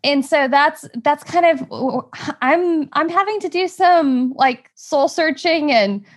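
A high-pitched woman co-hosting a casual podcast chat. She thinks out loud, pausing and restarting as she works through her thoughts. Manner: hesitant, reflective, many fillers. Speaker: podcast co-host, fertility doctor.

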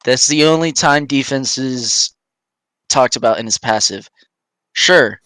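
Brief: man, casual co-host, bright and forward tone, dry close sound, reads stats off a card. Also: medium pitch, unhurried, smooth, dry recording. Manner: reads game stats aloud, laughs often. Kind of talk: casual podcast chat.

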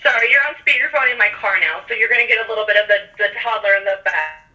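Woman talking over car speakerphone, higher voice, very bright, chatty guest. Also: quick pace, recorded from a distance, muffled recording. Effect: calling in on car speakerphone. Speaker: podcast guest calling in. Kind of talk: casual chat.

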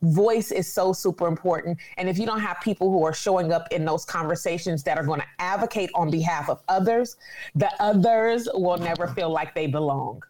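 Earnest woman in her forties, low voice. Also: a little fast, a little mellow. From Sacramento, California. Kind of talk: conversational interview.

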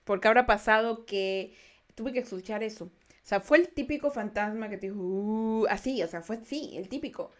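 A young woman telling true ghost stories in casual podcast talk, acting out quoted lines with loud bursts and often restarting her sentences. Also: mid-range voice, brisk. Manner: frequent restarts, turns quiet and reflective. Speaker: podcast host. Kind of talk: casual storytelling.

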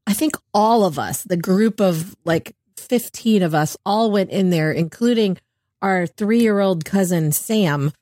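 A woman chatting casually as a podcast co-host, animated and laughing often. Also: mid-range voice, measured pace, dry recording, clean studio sound. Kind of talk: casual chat.

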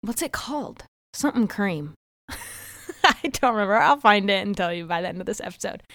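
A woman's voice: medium pitch, expressive, a little fast, fairly bright tone, no room sound. A young woman host chatting casually on her solo podcast, a bit stuffy and winded, rambling and laughing at herself. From United States.

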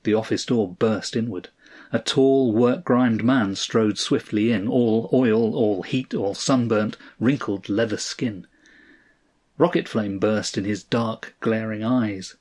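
A man narrating a story in a measured, even storytelling delivery. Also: fairly low pitch. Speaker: audiobook narrator.

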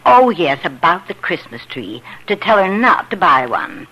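A woman's voice: on the low side, big pitch swings, unhurried, pushed and bright, heavily acted. Forgetful, bustling radio-drama mother Mother Barbara. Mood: flustered. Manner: flustered, fond, forgetful. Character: gentle, absent-minded, bustling family mother. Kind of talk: 1950s radio drama acting. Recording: noisy old 1950s radio recording.

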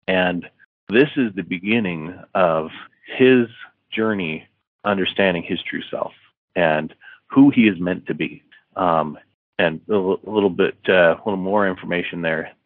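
A man with a very low voice, an author appearing as an interview guest, tells a story casually at an easygoing pace. He rambles, restarts sentences, fills pauses with many fillers, and acts out dialogue. The audio is dry and narrow like a phone call, with no echo.

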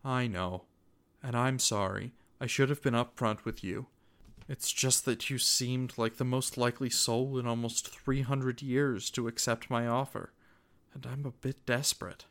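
A man's voice: medium pitch, fairly even intonation, unhurried, fairly bright tone. Man playing a weary, remorseful ferryman of souls. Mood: remorseful confession. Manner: earnest, confessional. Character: weary, remorseful centuries-old ferryman of souls, desperate father. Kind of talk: dramatic storytelling.

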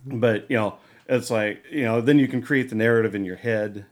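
A man co-hosting a casual podcast chat, talking in a measured, meandering way. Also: mid-range voice, fairly even intonation. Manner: measured, many fillers and restarts. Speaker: podcast co-host.

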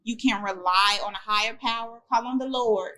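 A woman's voice: on the high side, moderate pace, bright, forceful tone. A woman co-hosting a podcast in casual chat, blunt and sassy, teasing her friend and giving frank advice. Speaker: podcast co-host.

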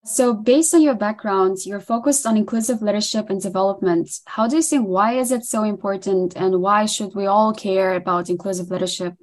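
A woman's voice: medium pitch, a little fast, few pauses. A woman hosting a podcast, reading a scripted intro and asking interview questions in an upbeat, effusive way. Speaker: podcast host.

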